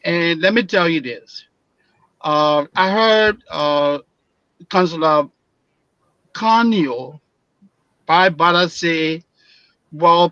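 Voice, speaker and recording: A man's voice: high-pitched, dry recording. Impassioned Liberian man on a muffled line. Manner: impassioned, grows loud and emphatic. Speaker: panel guest. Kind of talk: radio panel commentary.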